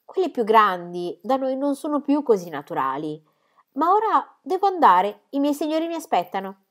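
A woman's voice: high voice, big pitch swings, moderate pace, fairly bright tone, pitched above the performer's own voice. A woman reading aloud, voicing an eager aunt who defends the child politely but insistently.

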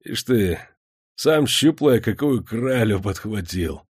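A man voicing a sullen bearded blacksmith who speaks gruffly and with sighs. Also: on the low side, lively intonation, slow pace, no echo, studio quality, full character voice. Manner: gruff, sighing.

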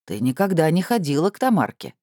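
A stern, accusing middle-aged man, as a woman reader puts him on in an audiobook, speaking in a deep, dark, cold hiss. The voice sits low and sounds close and dry, with nothing of the room around it. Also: sing-song, a little fast, no echo. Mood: menacing. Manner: lowered, cold, hissing delivery. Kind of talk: audiobook character voice.

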